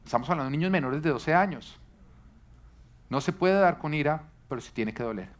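A man's voice: on the high side, lively intonation, fairly quick. A man preaching a sermon to a live congregation, teaching earnestly and asking the listeners rhetorical questions. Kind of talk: sermon on parenting.

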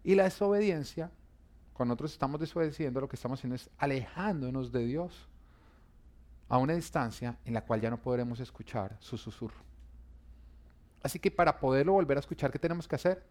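A man's voice: mid-range voice, lively intonation, brisk, darkish tone. A man pastor preaching a sermon, repeating key lines and pushing emphasis up on important phrases.

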